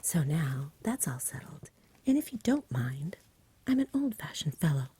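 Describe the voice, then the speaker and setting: A woman voicing a genial, bored, old-fashioned male dragon from a storybook, in soft breathy whispers with chatty courtesy. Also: low-pitched, very animated, moderate pace, heavily acted. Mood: chatty, courteous.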